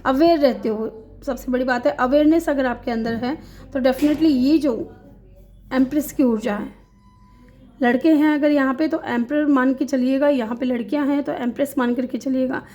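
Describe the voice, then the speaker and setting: A woman reads tarot for an online audience in a high, light voice. She speaks reassuringly, turning to the listener again and again with short checks of agreement. Her talk mixes in English terms as she explains each card. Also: steady tone, moderate pace, a little mellow. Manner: reassuring, repeats short check-ins to the viewer; mixes English words into Hindi speech. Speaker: tarot reader. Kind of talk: tarot reading addressed to viewers.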